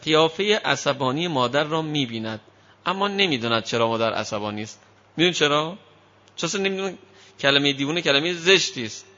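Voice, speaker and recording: A man with a fairly high, bright voice gives a parenting talk to an audience. He tells his points as lively stories and slips into quoted parents and children. The recording is dull and lo-fi. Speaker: parenting lecturer. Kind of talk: speaking to an audience on child upbringing.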